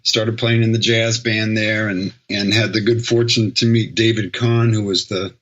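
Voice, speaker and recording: A middle-aged guest musician from Sacramento, California rambles through stories in a casual interview, correcting himself as he goes and laughing easily. His fairly low voice is level and a bit bright at normal speed, on a slightly dull, lo-fi recording.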